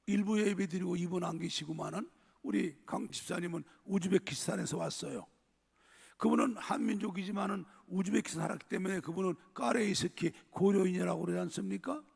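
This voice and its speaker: A man's voice: high-pitched, fairly quick, creaky, darkish tone, breathy edge, in a large hall. An older male pastor preaching a sermon to his congregation in an emphatic style, repeatedly addressing the listeners directly. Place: church sanctuary.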